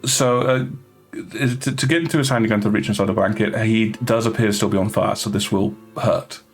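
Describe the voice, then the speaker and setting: Low voiced guy dm-ing a tabletop game, lots of uhs, music faint behind. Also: gravelly. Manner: relaxed, halting narration with many fillers. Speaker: game master.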